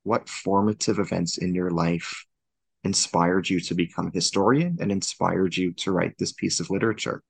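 A man's voice: deep voice, normal speed, vocal fry, breathy edge, no room sound. A man hosting a podcast interview, formal and courteous in his introductions and questions. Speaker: podcast host.

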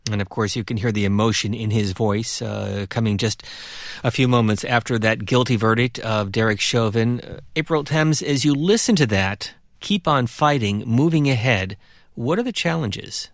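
A man hosting an interview, asking questions in a slow, deliberate way. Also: medium pitch, gravelly, dry recording, studio quality. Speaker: interview host.

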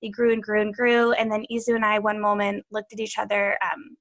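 A woman from Pennsylvania telling her story as a podcast guest in a casual interview, thoughtful and halting at times. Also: mid-range voice, completely flat delivery, fairly bright tone. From Pennsylvania, USA.

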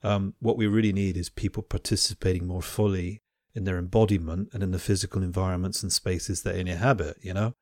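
Low-voiced man musing in academic terms. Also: steady tone, fairly quick, a little mellow, no echo, studio quality. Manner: academic, thoughtful, frequent restarts. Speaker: podcast host and university teacher. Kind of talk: reflective conversational discussion.

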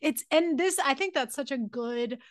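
A woman's voice: high voice, expressive, normal speed, no echo, clean studio sound. A woman hosting a podcast, asking rambling, enthusiastic questions and going off on tangents in casual conversation. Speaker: podcast host.

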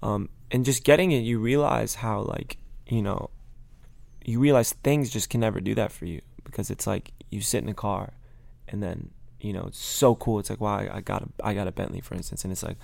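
A man's voice: on the low side, normal speed, creaky, darkish tone, no room sound. A young man from Michigan, a musician guest, talking in a loose, chatty way on a podcast. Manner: loose and chatty, lots of likes. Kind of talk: casual podcast interview.

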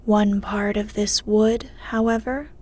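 Slow whispering woman storyteller. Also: medium pitch, steady tone. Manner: soft, unhurried whisper. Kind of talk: whispered ASMR story reading.

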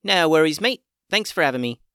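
A man voicing a cheeky little male talking guinea pig in a storybook, with slangy, quick chatter. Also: on the high side, expressive, sharp tone, smooth, no echo, clean studio sound, pitched above the performer's own voice.

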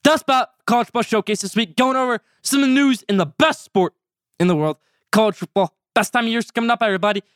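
A fifteen-year-old boy hosting his own sports podcast, talking energetically and stretching out segment names when excited. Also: high-pitched, quick pace, clean tone, dry recording, studio quality. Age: teens. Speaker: podcast host. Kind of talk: solo sports podcast commentary.

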